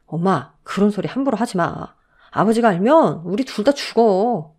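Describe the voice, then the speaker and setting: A woman's voice: medium pitch, animated, normal speed, darkish tone, husky. A woman voicing a middle-aged husband pleading urgently with his mother.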